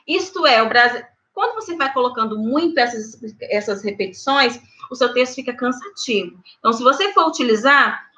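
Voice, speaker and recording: A woman's voice: sits high, pushed and bright. A woman teacher with a Brazilian accent, giving an online grammar lesson and checking in with her students often. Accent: Brazilian Portuguese. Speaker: writing teacher. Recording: echoey room, slightly dull audio.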